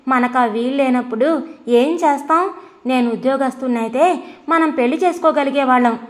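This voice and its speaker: A woman's voice: sits high, moderate pace, lightly acted. Woman narrator doing a condescending young college man in a storybook reading; lectures, brushes things off. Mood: lecturing. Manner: lecturing, talks down. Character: young male student, glib and dismissive.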